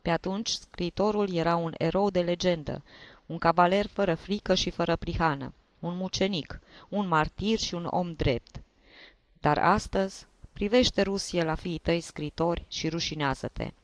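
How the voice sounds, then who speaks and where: A man's voice: high-pitched, no room sound. A man voicing a tipsy old male journalist with a reedy tenor voice, giving rambling, sentimental toasts. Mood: nostalgic.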